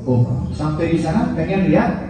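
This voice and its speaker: A man with an Indonesian accent preaching a sermon in a prayer hall, telling stories with big swings between high and low. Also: normal speed, recorded from a distance, noisy background. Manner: animated storytelling, pitch swinging high and low. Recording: echoey hall, heard from afar.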